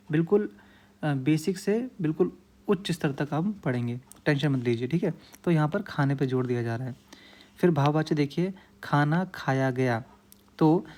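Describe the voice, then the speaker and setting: Male tutor, grammar lesson; mellow, relaxed timbre, patient and repetitive, checks in often with listeners. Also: on the high side. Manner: frequent check-in phrases. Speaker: teacher.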